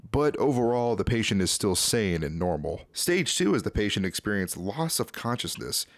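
A young YouTube host with a fairly low voice recaps a horror series in a scripted but casual, conversational way, his pitch swinging widely at a moderate pace. He records indoors on a close desk mic in a small, dim home room, so the sound is dry.

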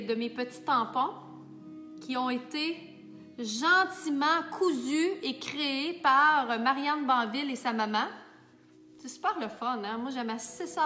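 A Québécois woman, a makeup artist and teacher, chatting warmly and enthusiastically to her viewers in a casual vlog. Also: sits high, in a large hall. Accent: Québécois French. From Quebec. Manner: warm, enthusiastic, talks straight to viewers.

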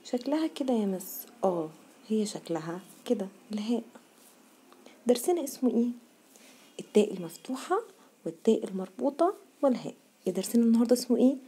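A woman teacher with an Egyptian Arabic accent explains a grammar lesson to young children. Her voice is slightly high, but very dark and soft in tone, with a husky, breathy edge. She repeats the questions patiently and answers in the pupils' voice. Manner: patient, quizzes the class, then answers in the pupils' voice. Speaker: primary school teacher.

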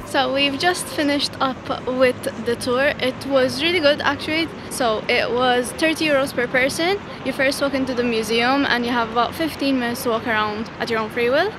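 Over music, a travel vlogger in her twenties chats casually to the camera in her arm's-length hand while strolling city streets and stadium grounds. She speaks in a high voice at a moderate pace, hardly pausing, and laughs a lot while going over her plans.

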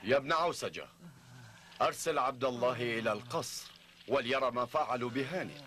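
An actor dubbing a resolute rebel leader in a historical drama, giving firm orders. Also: male voice, mid-range voice, expressive, brisk, fairly bright tone, natural voice. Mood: commanding.

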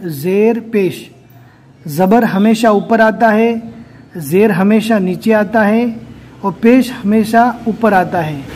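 A man's voice: high-pitched, a little mellow. A man teaching Quran reading step by step, patiently sounding out letters one by one. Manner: patient, repeats each letter sound slowly. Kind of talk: slow, step-by-step recitation lesson.

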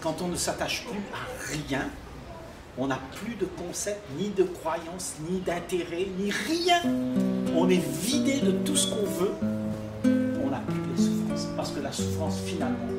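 An older man speaking at a public dialogue in a library, calm and teaching, often checking he is understood. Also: high voice, a little slow, loud music behind the voice. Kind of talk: spiritual dialogue with audience. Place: library reading area, indoors. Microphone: far room microphone. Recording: echoey room, distant mic, noisy.

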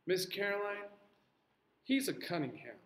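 A man's voice: high voice, animated, measured pace, a bit bright, reverberant, voice pushed up. A man voicing an earnest, outspoken young girl who explains things plainly to her teacher.

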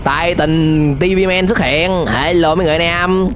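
A man gives excited reaction commentary, often shouting and dropping English exclamations. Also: fairly high pitch, moderate pace, faint music behind. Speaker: YouTuber reacting to an animated series.

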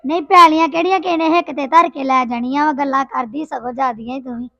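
A sarcastic, argumentative village woman with a Punjabi accent, speaking in a very high voice with a gravelly edge, played by a woman. The sound is dull and dry. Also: fairly even intonation, quick pace, sharp tone, no room sound. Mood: arguing. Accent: Punjabi, Doabi. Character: sharp-tongued village woman in a land dispute.

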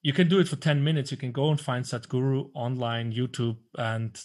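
Animated Swiss man hosting a video call. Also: mid-range voice, a little fast. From Switzerland. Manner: animated, gestures a lot, swears when flustered. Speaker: podcast host. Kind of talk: casual video-call interview. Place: small room at home. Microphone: desk microphone on video call.

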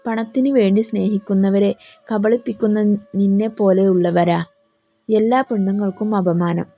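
A woman voicing a hot-tempered, jealous young man who shouts accusations in an audio story. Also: mid-range voice, fairly even intonation, measured pace, dull audio, faint music behind, close to an everyday voice. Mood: angry.

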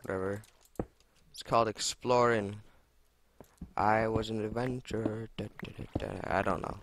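A young man with a lowish voice talks through his gameplay in a loose, chatty way. He swears and exclaims freely at every find and mishap. A faint hiss sits under his desk mic. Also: fairly even intonation, normal speed. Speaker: let's play gamer. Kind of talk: casual gameplay commentary.

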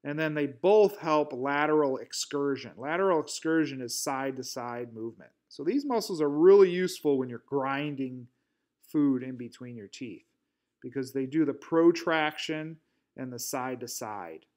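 A man's voice: mid-range voice, expressive, normal speed, darkish tone. A man giving a recorded anatomy lecture, explaining step by step over drawings with some fillers and restarts. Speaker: instructor. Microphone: voice-over narration over drawings.

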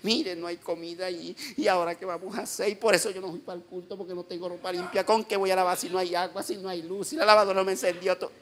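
A man with a Venezuelan accent voicing a complaining churchgoing woman who rattles off excuses in a rushed, whiny way. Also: high-pitched, level tone, fairly bright tone, pitched above the performer's own voice.

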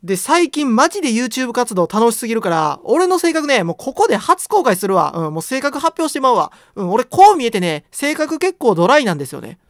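A man's voice: very high-pitched, very animated, fairly quick, few pauses, a bit bright, no echo, studio quality. A young man with a Kansai accent giving joking, rambling commentary while playing a horror game. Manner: joking, rambling, self-deprecating banter. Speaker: game streamer.

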